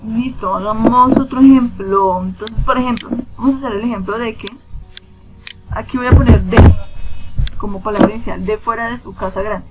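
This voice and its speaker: A woman teacher with a somewhat high voice explains a spreadsheet function step by step. She asks herself questions and answers them, and counts positions aloud one by one. Background music plays clearly under her voice. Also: steady tone, moderate pace, poor audio. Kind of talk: screen-recorded spreadsheet lesson.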